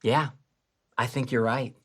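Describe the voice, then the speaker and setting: A woman co-hosting a scripted children's church lesson, telling the story to kids in an animated way. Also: rumbling low, measured pace, breathy edge.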